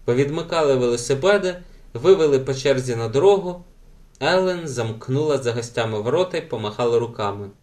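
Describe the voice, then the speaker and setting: A man reading a children's audiobook aloud with gentle, animated storytelling. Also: mid-range voice, brisk. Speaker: audiobook narrator.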